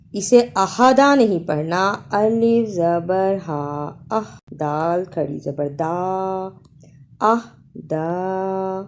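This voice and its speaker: A woman teaching Quran recitation. She chants verses slowly and melodically, then explains the pronunciation quickly, letter by letter. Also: medium pitch, darkish tone. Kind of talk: tajweed lesson, chanted recitation with spoken explanation.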